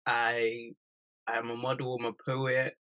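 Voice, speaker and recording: A young man in his early twenties from East London with a bright, forward tone. He co-hosts a podcast and keeps it playful, joking his way through casual chat. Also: medium pitch, completely flat delivery, slow, poor audio. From East London, England. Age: 20s. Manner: playful, jokey. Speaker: podcast co-host.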